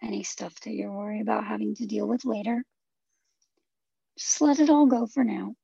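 A woman leading a guided relaxation in a soft, husky, breathy voice that nears a whisper, soothing and gently instructive. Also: mid-range voice, fairly even intonation, moderate pace, no echo, highs cut off. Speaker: guided meditation leader.

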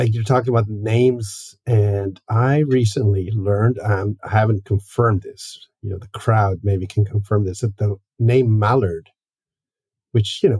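A man's voice: lowish voice, warm tone, husky, dry recording. A man co-hosting a casual birding podcast, musing aloud with many "you know"s and "like"s. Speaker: podcast co-host.

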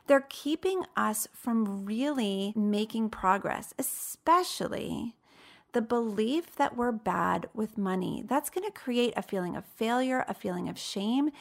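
Speaking with fairly high pitch, a late-thirties woman hosts and coaches through a motivational talk. She is emphatic and conversational, leaning on rhetorical questions.

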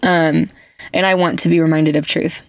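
Woman host, gravelly low-ish voice, dry close sound, chatty and earnest. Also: fairly even intonation, moderate pace, no echo. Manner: chatty, heavy use of "like" fillers; earnest, gushing storyteller. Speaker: podcast host. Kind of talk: casual chat.

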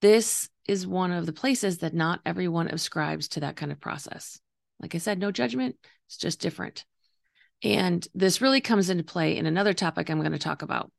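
A woman with a gravelly, slightly hoarse voice talking earnestly and reflectively as a coach hosting a solo podcast, explaining her views. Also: on the low side, normal speed. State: voice partly gone, slightly hoarse. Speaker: intuitive coach and podcast host.

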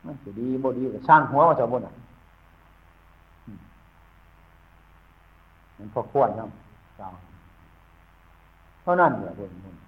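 A husky-voiced man with an Isan Thai accent gives an informal Dhamma talk, wandering from point to point in a folksy way and humming as he thinks. The sound is thin and phone-like, as if it came down a telephone line. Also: mid-range voice, expressive, unhurried, long pauses. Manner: rambling, folksy, frequent thinking hums. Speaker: Buddhist monk teaching new monks. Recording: tinny phone-like recording.

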